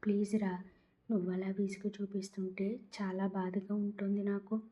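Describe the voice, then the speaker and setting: A woman's voice: medium pitch, level tone, moderate pace, dark tone, muffled recording, natural voice. A woman voicing a drunk, lovesick young woman who pleads in a slurred, giggly way. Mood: pleading. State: tipsy.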